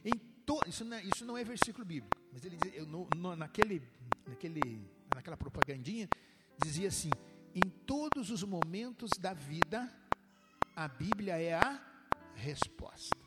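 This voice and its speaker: A middle-aged man delivers a sermon from a church pulpit. His voice sits fairly high and swings widely up and down with animated emphasis. Loud instrumental music plays underneath throughout. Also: moderate pace. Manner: animated preaching, swooping from low to high. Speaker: pastor.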